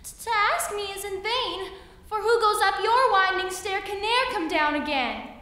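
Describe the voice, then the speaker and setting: Girl doing a high, prim little fly. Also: lively intonation, normal speed, exaggerated voice. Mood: protesting. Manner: high, bright and protesting. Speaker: student reciting a poem. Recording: echoey hall from far off.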